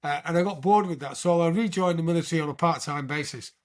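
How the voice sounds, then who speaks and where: British man in his sixties, high-pitched voice, animated interview storyteller, keeps asking "right?". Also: fast talker. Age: 60s. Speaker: podcast guest, military veteran.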